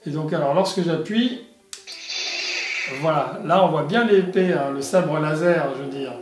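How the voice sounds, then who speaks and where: A man presents a product in a casual, halting, explanatory way, as in a hands-on toy review. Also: a little high. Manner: halting, explanatory, punctuated with little sound effects. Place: indoor room. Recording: echoey room, faint music behind.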